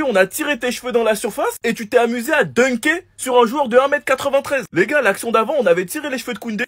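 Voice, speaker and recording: A man's voice: very high voice, a bit bright. A man giving casual football commentary in a teasing, mock-scolding way.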